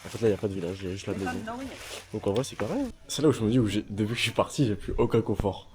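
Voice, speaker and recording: A man's voice: fairly low pitch, racing, darkish tone. A young man casually vlogging on a trip, chatting with enthusiastic slang. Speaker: travel vlogger. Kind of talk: casual vlog talk to camera. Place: homestay on a mountain travel loop.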